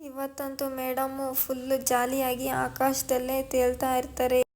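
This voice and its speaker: A woman's voice: high-pitched, monotone, unhurried, darkish tone. A woman vlogger casually retelling a television serial episode. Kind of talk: casual story narration.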